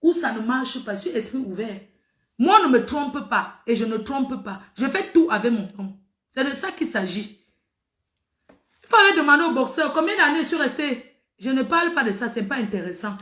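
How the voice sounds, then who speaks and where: A woman's voice: high voice, animated, normal speed, sharp tone, reverberant. A middle-aged woman telling a story to her viewers in a casual, emphatic way, repeating phrases for effect. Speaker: social media personality.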